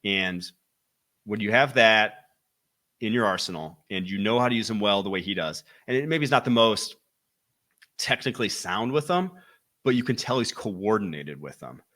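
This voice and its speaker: A young man from Wisconsin with a Wisconsin accent, hosting a solo football podcast with energetic, rapid-fire commentary that stresses key words. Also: fairly low pitch. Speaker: football draft analyst podcast host.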